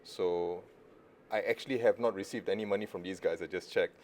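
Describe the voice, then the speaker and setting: Joking Malaysian surgeon presenting, low voice. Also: male voice, fairly even intonation, a little fast, background noise. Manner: casual, joking asides, self-deprecating humour. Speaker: surgeon giving a conference talk. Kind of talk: conference presentation.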